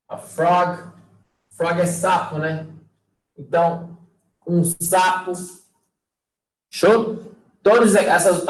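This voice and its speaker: Brazilian guy teaching english, kinda high voice, super laid back, keeps asking the class "tá?". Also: low-quality recording. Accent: Brazilian Portuguese. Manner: checks in with students constantly, asking "tá?" and "fechou?"; relaxed and chatty, using folksy sayings. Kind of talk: casual classroom lesson.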